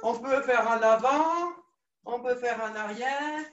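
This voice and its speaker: A woman with a high voice leads a children's judo class, coaxing and lively as she repeats every instruction. She sounds echoey and far from the mic, as if filmed across a room. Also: slow pace, muffled recording. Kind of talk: live online kids' class, story-led exercises.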